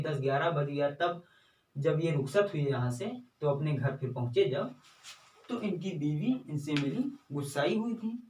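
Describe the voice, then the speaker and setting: A male teacher retelling a story summary for exam preparation, explaining step by step and often correcting himself. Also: a little high. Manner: repetitive, self-correcting explanation. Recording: roomy and distant from the mic.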